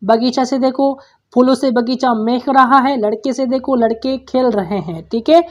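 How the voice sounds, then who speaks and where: Patient woman teacher, fairly high voice. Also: normal speed. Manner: patient, repeats questions back to pupils. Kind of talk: workbook solution lesson.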